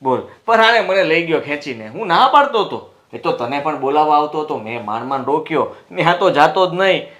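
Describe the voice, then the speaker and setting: A man plays a husband caught in a row with his wife, keeping up his excuses and snapping at her. His voice sits high and rings with the echo of a roomy space. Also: animated, brisk, hardly any pauses. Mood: defensive. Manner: pleading then shouting in anger. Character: defensive husband, quick to anger. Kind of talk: Gujarati short-film family drama acting.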